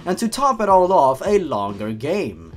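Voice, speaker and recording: A man's voice: a little high, very animated, a little slow. A man hosting a comedic reading of a badly written horror story, breaking in with sarcastic, mocking asides. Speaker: YouTube host. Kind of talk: comedic creepypasta reading with commentary.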